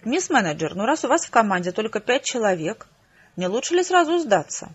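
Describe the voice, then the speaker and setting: A man's voice: sits high, very animated, fairly quick, husky, heavily acted. A woman reading a pushy sports reporter. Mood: pressing. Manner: pressing, insistent questioning. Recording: slightly muffled lo-fi audio.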